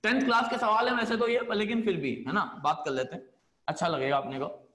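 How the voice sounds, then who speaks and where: High-voiced man teaching in an echoey room. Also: fast, fairly bright tone. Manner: chatty, coaxing, says "है ना" often. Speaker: physics teacher. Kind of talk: classroom lecture.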